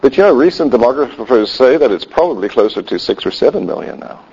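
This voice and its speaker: A man's voice: mid-range voice, big pitch swings, fast talker, creaky, darkish tone, breathy edge. A man preaching a sermon in a conversational way with wry asides. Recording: dull lo-fi sound.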